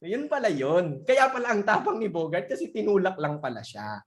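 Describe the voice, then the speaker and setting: This online selling coach tells a story to a live audience, moving easily between Tagalog and English. The delivery keeps turning back to the listeners with quick tag questions. The coach chuckles through the funny parts of the story. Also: medium pitch. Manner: lively storyteller, frequent tag questions, laughs at own jokes.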